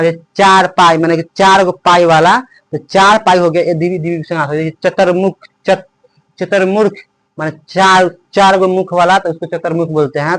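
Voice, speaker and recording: A man teaches an online grammar lesson in a slightly high voice. He repeats each point and asks and answers his own questions. The recording is dry and close to the mic. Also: no room sound. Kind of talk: online class lecture on grammar.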